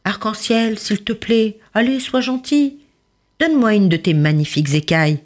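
A woman voicing a small, eager little blue fish who pleads in a high, bubbly voice in a storybook tale. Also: lively intonation, moderate pace, darkish tone, lightly acted. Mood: pleading.

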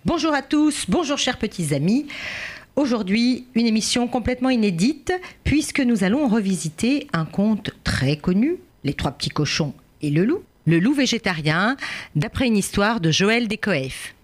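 A woman hosting a children's radio show, narrating the tale in a lively, expressive way with a husky voice. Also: fairly high pitch, moderate pace.

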